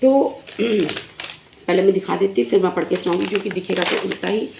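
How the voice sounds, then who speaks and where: Talking into her phone camera in selfie mode, a middle-aged woman who teaches primary school gives a casual, earnest explanation to other teachers. Her voice is lowish and hoarse from a throat on the mend, with frequent filler pauses, recorded in an echoey room with background noise.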